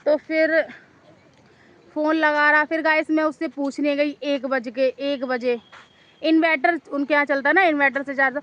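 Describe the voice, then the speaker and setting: High-voiced woman chatting to camera. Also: fairly even intonation, moderate pace, a bit bright, muffled recording. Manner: chatty, rambling, repeats herself. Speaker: vlogger. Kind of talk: casual storytelling to camera. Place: outdoors in a park.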